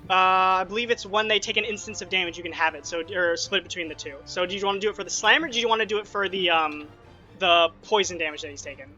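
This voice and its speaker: A man runs a tabletop session over a voice call. His voice is bright and crisp, quick on the rules and lively when he describes the action. Faint music plays underneath. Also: sits high, dull audio. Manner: quick rules talk broken by animated narration. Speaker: game master. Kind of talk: narrating a tabletop game.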